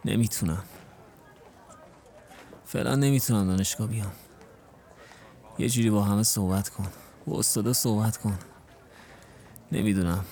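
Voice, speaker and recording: A man's voice: on the low side, long pauses, dark tone, slight background noise. A young man narrating his own story in an audio drama and speaking as its distraught, heartbroken lead. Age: young adult.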